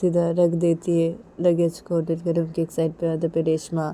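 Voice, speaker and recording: A woman's voice: sits low, completely flat delivery, moderate pace, mellow. A woman narrating a romance story in a casual, repetitive storytelling manner. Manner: simple, repetitive phrasing with many linking 'then's.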